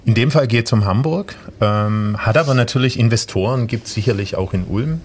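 A man in a casual radio chat, talking in a relaxed, joking way with hedging asides. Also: mid-range voice, moderate pace, a little hiss or hum.

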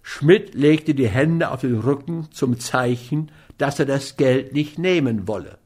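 Slow-reading male audiobook narrator. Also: medium pitch, a little mellow. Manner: slow, measured.

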